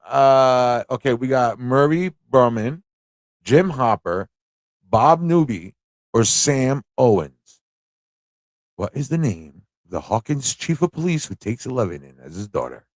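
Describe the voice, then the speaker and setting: A man hosts a live pop culture trivia stream in a chatty, playful way, often thinking out loud to his viewers. His voice is medium-pitched and there's no room sound.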